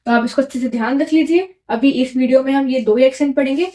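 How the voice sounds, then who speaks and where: High, mellow-voiced woman teaching French. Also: quick pace, rough recording. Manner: repeats key words with quiz questions; mixes English words into Hindi. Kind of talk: classroom-style lesson explanation.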